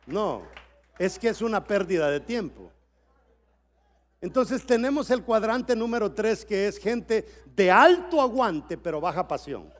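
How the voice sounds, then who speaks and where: Unhurried and high-pitched, with big swings in pitch, a middle-aged man from El Salvador preaches at a church conference. He softens into storytelling before building to shouted exhortation.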